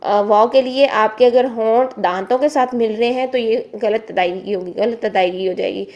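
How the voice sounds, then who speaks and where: A woman teaching Quran reading in a recorded lesson, explaining step by step and sounding out letters slowly. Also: a little high, a little mellow, dull audio. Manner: patient, repeats letter sounds slowly and drawn out; explains step by step, asks and answers her own questions.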